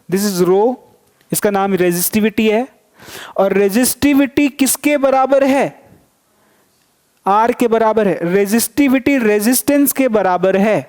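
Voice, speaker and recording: This male physics teacher has a voice that sits high with a darkish tone. He coaxes his class along, repeating each point and posing rhetorical questions to make sure the students are following.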